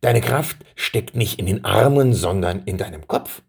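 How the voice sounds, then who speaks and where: A man's voice: fairly low pitch, expressive, gravelly, a little mellow, breathy edge, heavily acted. A man voicing an old king who halts and hems through his ceremonious speeches to his two sons. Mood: solemn. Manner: halting, ceremonious speeches full of pauses.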